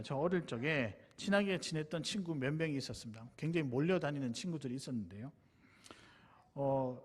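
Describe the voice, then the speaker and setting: Middle-aged male pastor, somewhat high, husky voice, earnest sermon storytelling. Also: a little mellow. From Busan, South Korea. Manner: earnest, confessional, addresses the congregation directly. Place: church sanctuary.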